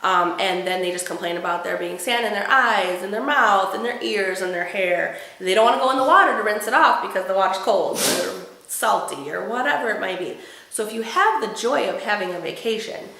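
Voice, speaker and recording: Gravelly-voiced mom with a cold, chatty. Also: female voice, mid-range voice, expressive, a little fast, bright, forceful tone, echoey room, poor audio. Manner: chatty, wry and self-mocking. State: has a cold. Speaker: mom vlogger. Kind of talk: casual chat to camera.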